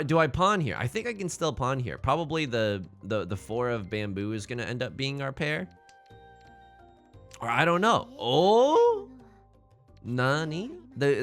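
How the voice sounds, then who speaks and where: Animated man doing casual game commentary. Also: mid-range voice. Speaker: gaming streamer. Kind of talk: casual live game commentary, thinking aloud.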